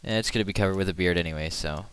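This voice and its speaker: A man's voice: deep voice, racing, fairly bright tone, clear, resonant tone. A man casually talking through a drawing as he works, rambling and poking fun at himself, humming now and then. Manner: rambling and self-deprecating, hums to himself while working. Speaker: artist narrating his drawing. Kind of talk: casual screen-recorded drawing commentary.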